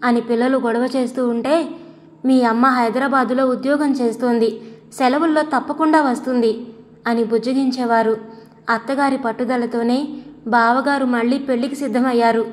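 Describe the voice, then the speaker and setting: A woman voicing a sorrowful young woman who gently confides family grief to a guest, in a storybook reading. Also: fairly high pitch, fairly even intonation, normal speed, lightly acted. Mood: sad confiding. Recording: long hall reverb.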